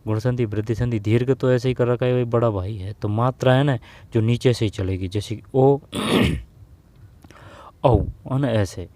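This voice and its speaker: A man's voice: medium pitch, fairly even intonation, moderate pace, dark tone. A man teaching exam grammar questions in a casual spoken lesson, thinking aloud, repeating words and often asking "है ना".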